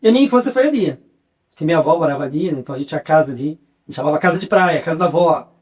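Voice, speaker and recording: A young journalist and writer from Rio de Janeiro, Brazil, speaks as a podcast guest with a Carioca Portuguese accent. His voice is fairly high and very fast as he recounts memories in a relaxed, chatty interview. He often ends phrases with a questioning "né."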